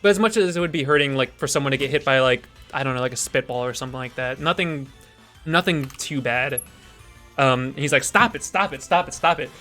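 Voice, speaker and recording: A man's voice: medium pitch, a little fast, sharp tone, faint music behind. A man improvising a goofy story while streaming a game, rambling with lots of restarts and fillers.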